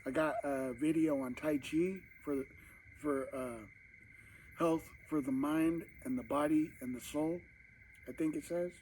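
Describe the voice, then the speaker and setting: A man's voice: a little high, steady tone, measured pace, darkish tone, a little hiss or hum, rough recording. Rambling man chatting while eating. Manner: rambling, talks with mouth full. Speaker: mukbang vlogger. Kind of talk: casual eating chat to camera. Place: home room at night.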